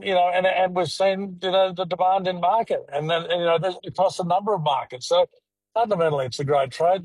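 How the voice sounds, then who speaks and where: A man talking over a patchy phone line from his car. He speaks haltingly, repeating words and using many fillers, as a guest on a radio interview. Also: high-pitched, darkish tone, dry recording. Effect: phone call from a moving car, dropping reception. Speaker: live cattle exporter, phone-in guest.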